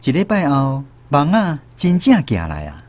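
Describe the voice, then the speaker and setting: Over background music with no echo, a Taiwanese-accented actor narrates a radio drama in the first person, reflecting as a grown-up on childhood in a village. The medium-pitched voice is a little mellow, swings hugely in pitch, and moves at normal speed.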